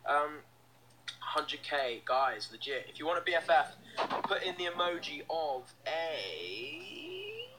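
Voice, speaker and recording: Speaking slowly, with a fairly high voice whose pitch swoops wildly, a young band member chats casually on a phone livestream. He's upbeat, reading fan comments in a small indoor room with the phone close to his face. Background noise can be heard.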